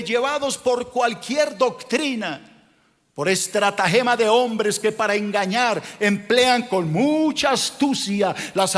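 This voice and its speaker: A male pastor preaches a sermon in a high, slightly bright voice, scolding his listeners and pressing them with rhetorical questions. A long reverb suggests a large church hall.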